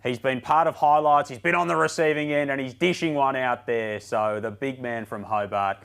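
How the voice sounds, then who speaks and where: Aussie guy hosting a sports highlights show, upbeat and keen, middle-aged, normal pitch. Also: steady tone, moderate pace, creaky, fairly bright tone, smooth. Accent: Australian. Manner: upbeat, enthusiastic presenter. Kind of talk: studio sports show presenting.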